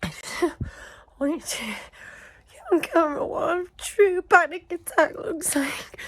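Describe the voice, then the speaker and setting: A woman's voice: very high voice, slow pace. A woman filming a video diary in a panic, short of breath and tearful. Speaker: vlogger. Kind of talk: self-filmed video diary.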